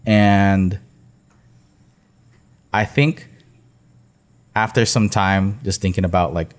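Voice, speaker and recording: A man's voice: low-pitched, steady tone, slow. A young man co-hosting a podcast, chatting casually and rambling with lots of "like" fillers. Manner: rambling, heavy use of "like" as filler. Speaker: podcast co-host.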